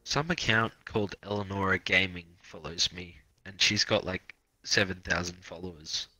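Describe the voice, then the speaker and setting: A man's voice: sits low, normal speed, sharp tone, dry recording, poor audio. A teenage boy chatting casually over voice chat while gaming, rambling with lots of fillers.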